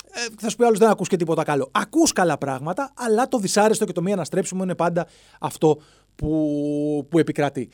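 A podcast host with a fairly high, slightly mellow voice records by himself in a studio with no room sound. His solo comedy show drifts playfully between bits, with silly voices thrown in.

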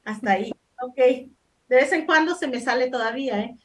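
A woman's voice: sits high, moderate pace. A middle-aged woman on a talk show, giving advice in a firm, emphatic way and repeating her points for stress.

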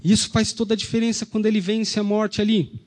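A man's voice: high voice, fairly even intonation, fast talker, darkish tone. A man with a Brazilian Portuguese accent, preaching an Easter sermon as a pastor, retelling the story and asking the congregation rhetorical questions.

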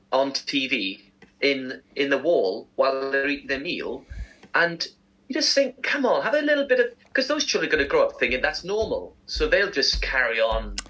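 A man in his forties co-hosts a casual breakfast radio show, ranting in an animated way and laughing often as he talks. His voice is husky and medium in pitch, and the audio quality is poor.

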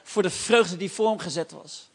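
A man's voice: high-pitched, normal speed, breathy edge. A man interpreting a sermon live in a church, mirroring the preacher's energy phrase by phrase.

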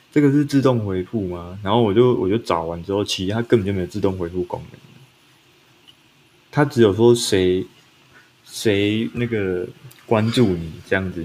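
A man's voice: fairly low pitch, a little mellow. A man, telling his own story on a podcast in a rambling way, often restarting his sentences and acting out what others said. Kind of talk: casual first-person storytelling.

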